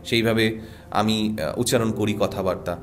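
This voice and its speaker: A radio jockey and voice artist with a Bengali accent gives earnest advice in a podcast conversation, using rhythmic, emphatic repetition. His voice is on the low side, steady, at normal speed.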